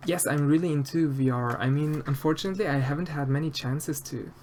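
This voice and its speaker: A slightly high-pitched man talks fairly quickly against slight background noise. He's a streamer from Austria, speaking with an Austrian German accent, who sculpts while casually answering chat in a soft, hesitant manner riddled with fillers and restarts.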